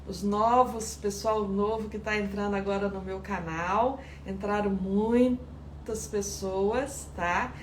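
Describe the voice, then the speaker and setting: A woman's voice: mid-range voice, fairly even intonation, takes it slowly. A woman teaching sourdough on a live stream, chatty and greeting viewers by name. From Espírito Santo, Brazil. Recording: echoey room with faint background noise.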